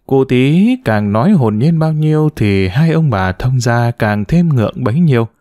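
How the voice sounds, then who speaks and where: A male narrator reading a family drama in a dramatic audiobook style. His delivery is lively and animated. The voice sounds close and dry, with no reverb. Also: medium pitch, measured pace. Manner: expressive, lively storytelling. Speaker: storyteller.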